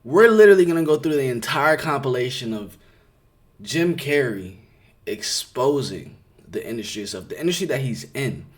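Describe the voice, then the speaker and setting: A man's voice: mid-range voice, sing-song, normal speed. A man with a New York accent hosting a reaction video, talking in a skeptical, emphatic way and repeating words as he pushes his point. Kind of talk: casual commentary to camera.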